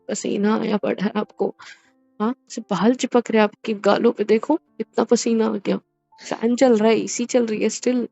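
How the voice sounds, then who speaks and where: A man's voice: sits high, gravelly, a little mellow, no echo, muffled recording. A man voicing a young husband in a romantic audio drama, soothing and apologizing with coaxing reassurance. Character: young husband, gentle and apologetic after a prank.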